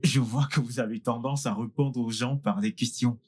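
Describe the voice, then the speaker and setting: A man's voice: medium pitch, steady tone, normal speed, a little mellow, husky, close to an everyday voice. A man playing an apologetic, affable character in dubbed film dialogue, placating and repeating himself. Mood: friendly.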